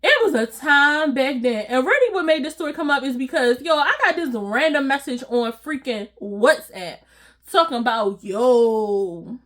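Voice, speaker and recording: Woman, young adult, high voice, slangy and animated storyteller for a vlog. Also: normal speed. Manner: animated, laughing often, slangy. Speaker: vlogger. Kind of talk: casual storytime chat.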